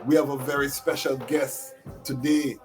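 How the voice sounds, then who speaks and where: A man's voice: mid-range voice, flat delivery, normal speed, a little mellow, soft background music, low-quality recording. A man hosting a talk show, introducing his guest with formal, ceremonial phrasing and frequent fillers. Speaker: host.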